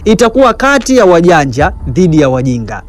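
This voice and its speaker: A man's voice: on the high side, sing-song, fast, soft background music. A man doing an emphatic translated voice-over of a speech. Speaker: voice-over interpreter.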